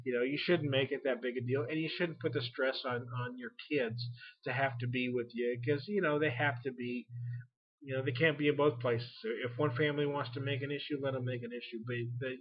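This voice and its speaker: A man's voice: medium pitch, fairly even intonation, a little fast. A man in his forties chatting casually as a beer vlogger, rambling and folksy, laughing often between thoughts. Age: 40s. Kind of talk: casual chat. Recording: lo-fi home recording.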